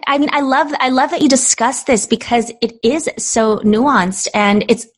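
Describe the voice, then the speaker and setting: A woman's voice: a little high, normal speed. A woman in her thirties, from the Philippines, talking reflectively as a podcast guest. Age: 30s. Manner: expressive, reflective, casual fillers like "like". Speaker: guest, business coach. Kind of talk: interview conversation.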